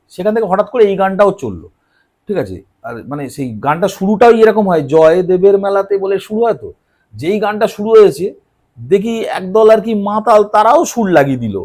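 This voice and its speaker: A man's voice: sits high, a little mellow. A young male teacher giving a casual classroom lecture for exam prep, chatty, posing questions and answering them himself. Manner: chatty, asks and answers his own questions.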